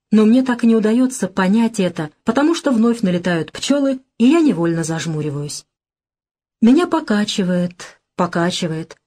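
Calm woman narrating an audiobook. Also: mid-range voice.

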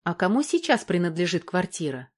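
A woman reading the part of an eager, impatient young woman in an audiobook, asking pleading questions a little higher than her narration. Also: very animated, fairly quick, husky. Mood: curious.

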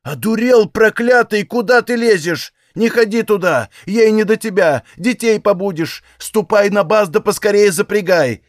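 A man's voice: a little high, normal speed, no room sound, natural voice. Man doing a stern old peasant mother, firm, fussing, raised voice, dry close sound. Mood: scolding. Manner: firm scolding, then soft coaxing.

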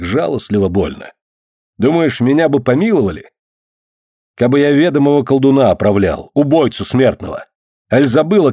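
In an audiobook reading, a male narrator voices a proud, hot-tempered boyar lord of old Russia, speaking in a grave, archaic manner. His low, mellow voice sounds indignant, and the recording is dry and close to the mic.

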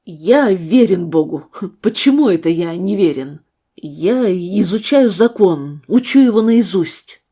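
A woman's voice: medium pitch, animated, unhurried, warm tone, breathy edge. A woman reading the part of a resentful, hot-tempered young man who argues heatedly in a storybook reading. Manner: heated, argumentative.

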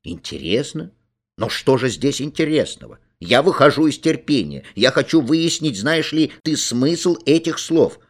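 A man voicing a stern, fussy male schoolteacher who scolds slowly and indignantly. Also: medium pitch, very animated, voice pushed up. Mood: exasperated.

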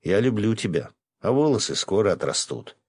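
A man's voice: on the low side, very animated, moderate pace, darkish tone, breathy edge, no room sound, pitched above the performer's own voice, full character voice. A man voicing a teasing, tender young merchant who jokes playfully with the woman he loves.

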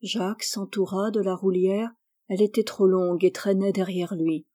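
A woman narrating a scripted storybook tale in a measured, gentle manner. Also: mid-range voice, steady tone.

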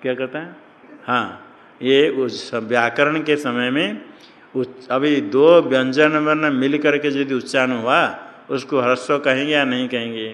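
A man's voice: mid-range voice, steady tone, unhurried, a bit bright, in a large hall. A man teaching Sanskrit grammar to a class. He keeps asking the students questions and then answers them himself, repeating the key terms. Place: ashram classroom.

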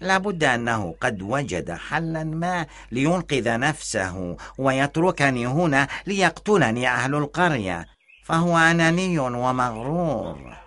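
A man's voice: very animated, unhurried, fairly bright tone. A man voicing an anxious, self-pitying male fox in a children's storybook, with a whiny, pleading manner. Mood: muttering. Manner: whiny, pleading, high-pitched squeal.

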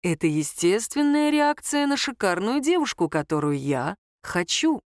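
A woman's voice: big pitch swings, unhurried, no echo, clean studio sound. Woman voicing a cocky, teasing young man. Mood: playful. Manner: low purring teasing delivery.

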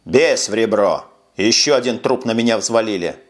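A man's voice: fairly low pitch, animated, normal speed, natural voice. Man doing a sardonic, weary police lieutenant. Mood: sarcastic. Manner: sarcastic, curt.

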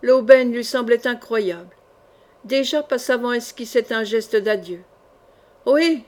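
A woman narrating an adventure novel in a measured, expressive reading. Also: a little high. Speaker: audiobook narrator. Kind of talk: scripted literary narration.

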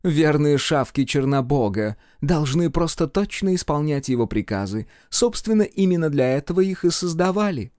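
Imperious dream goddess, sneering and sarcastic, high and dry, put on by a male reader. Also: expressive, normal speed, few pauses, a little mellow, no echo, natural voice. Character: haughty scornful female goddess of dreams. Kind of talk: audiobook character voice.

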